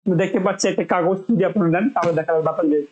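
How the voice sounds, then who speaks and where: A woman teaching English pronunciation, saying each sound slowly several times so learners can copy it. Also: on the low side, steady tone, darkish tone, echoey room, dull audio. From Bangladesh. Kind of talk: spoken lesson, demonstrating sounds.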